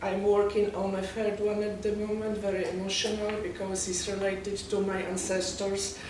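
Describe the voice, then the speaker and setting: A woman from Poland with a Polish accent and halting non-native English, talking about herself as an interview guest. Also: mid-range voice, level tone, darkish tone. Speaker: guest, poet and novelist. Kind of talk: interview, personal account. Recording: very echoey, distant mic, noisy background.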